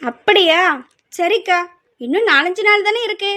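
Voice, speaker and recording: A woman voicing a worried middle-aged mother who pleads slowly and sometimes scolds. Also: very high voice, animated, pushed and bright, exaggerated voice. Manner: slow, pleading, scolding at times. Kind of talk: amateur family drama.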